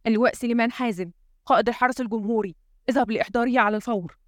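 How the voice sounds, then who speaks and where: A woman's voice: a little high, fast, dry recording, studio quality, natural voice. A woman reading an audiobook, voicing a frustrated male president who gives urgent orders. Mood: commanding. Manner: urgent, commanding. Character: tense, frustrated male head of state.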